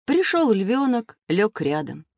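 A woman calmly narrating a children's audio drama. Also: mid-range voice, slow, dry recording.

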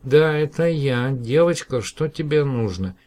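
A man's voice: medium pitch, lively intonation, unhurried, darkish tone, voice pushed up, lightly acted. A man voicing a sleepy, irritable elderly professor who grows indignant and fussy. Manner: fussy, indignant, then coaxing.

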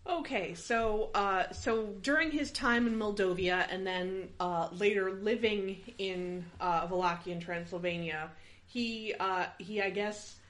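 A woman tells a history story in a relaxed podcast chat. She wanders with fillers and restarts and breaks into laughs often, in a voice of average pitch. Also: measured pace. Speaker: podcast host telling history.

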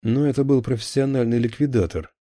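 Man reading as tense male officer, interrogated, clipped defensive replies, husky voice. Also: mid-range voice, fairly quick, dark tone, no room sound, clean studio sound, pitched above the performer's own voice, lightly acted. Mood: strained.

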